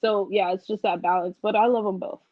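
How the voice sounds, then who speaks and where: A woman's voice: medium pitch, fairly even intonation, brisk, dry recording, muffled recording. A young woman from Washington, D.C., a designer chatting casually and laughing as an interview guest.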